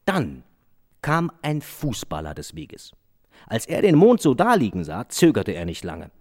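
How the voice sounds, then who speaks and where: A man reads a children's story aloud, his voice rising and falling with a lively, sing-song melody. He sits at a middle pitch and leans into each turn of the tale. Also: measured pace. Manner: expressive, sing-song reading.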